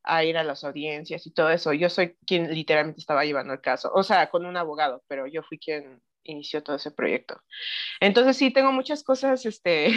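Woman in her thirties, guest chat, low voice, slow and rambling with English mixed in, dull lo-fi sound. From Mexico City, raised in Tennessee. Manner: unhurried, many fillers and restarts, mixes in English words. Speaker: podcast guest. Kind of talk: casual chat.

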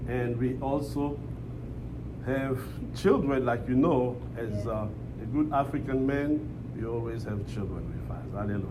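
A male preacher with a Congolese accent addresses a church in English, which is not his first language. He repeats phrases and calls for amens, his mid-pitched voice caught in a clearly noisy live recording. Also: unhurried. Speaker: visiting pastor. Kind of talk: church preaching and prayer with call-and-response.

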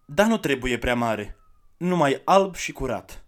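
A man voicing a gentle, weary traveler who is kind and coaxing, in a soft, slightly lifted voice. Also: medium pitch, big pitch swings, voice pushed up, close to an everyday voice.

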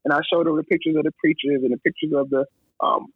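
A man telling his story over a phone-like line, his slightly high, husky voice jumping up whenever he acts out what others said. The sound is dry and narrow, with no room around it. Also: quick pace, dry recording. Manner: animated, acts out quoted dialogue. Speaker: photographer, guest. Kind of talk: casual storytelling.

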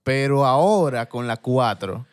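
A man's voice: medium pitch, lively intonation, a little slow. A man with a Dominican accent hosting a casual film podcast, talking in slangy, colloquial speech sprinkled with English words. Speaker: podcast host.

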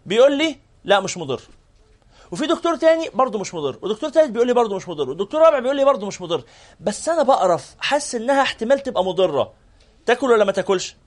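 A man with an Egyptian Arabic accent giving a religious lesson to a live audience, firing off rhetorical questions and prompting listeners to answer. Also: high voice. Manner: repeats phrases in lists. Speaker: sheikh teaching hadith.

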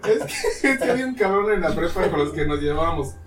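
Young Mexican man on a podcast, high voice, slangy anecdotes, echoey and distant. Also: lively intonation, fast, fairly bright tone, slight background noise. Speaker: podcast co-host. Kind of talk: casual chat. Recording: roomy, mic at a distance.

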